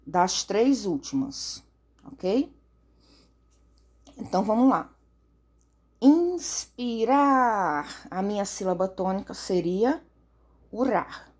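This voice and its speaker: A woman's voice: mid-range voice, darkish tone. A woman teacher gives a recorded lesson for children, patient, often checking in and stretching words out.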